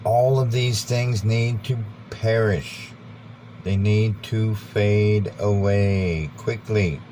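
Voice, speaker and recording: An American man giving an informal, rambling monologue, earnest and deliberate, repeating phrases for emphasis. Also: fairly even intonation, mellow. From United States. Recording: background noise with vehicle rumble.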